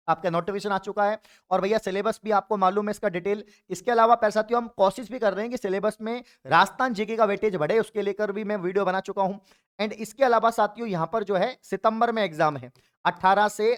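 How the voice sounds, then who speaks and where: A man from Rajasthan, a coaching teacher giving an exam update online and encouraging his viewers, whom he calls friends and brothers. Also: sits high. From Rajasthan, India. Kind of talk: YouTube exam update talk.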